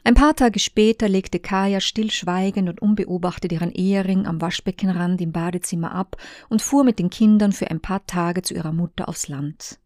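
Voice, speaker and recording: A woman narrating an audiobook in a hushed voice that often drops to a whisper. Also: lowish voice, steady tone, moderate pace, hardly any pauses, no room sound, studio quality.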